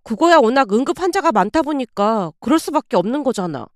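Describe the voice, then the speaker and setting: A woman reading a spoken storybook puts on the voice of a chatty female nurse sharing hospital gossip in a confiding, knowing tone. Her voice sits high and dry, sing-song and a little fast, with no room sound at all.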